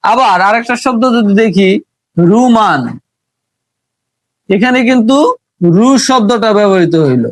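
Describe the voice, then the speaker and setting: A man's voice: sits high, normal speed, no room sound. A man teaching a spoken language lesson, explaining patiently, repeating points and asking rhetorical questions, with a Bangladeshi Bengali accent. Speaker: English teacher.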